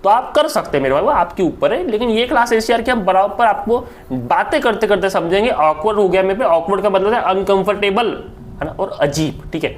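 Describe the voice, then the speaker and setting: A man with an Indian accent and a voice that sits high teaches English vocabulary in an online exam-prep lecture. He's lively and chatty, repeating words aloud and calling his listeners brother.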